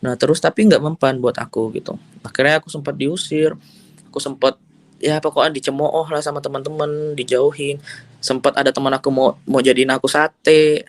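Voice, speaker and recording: A man's voice: a little high, fairly even intonation, a little fast. A young man giving a personal faith testimony as an interview guest, telling it casually and earnestly and dropping in English phrases. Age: young adult.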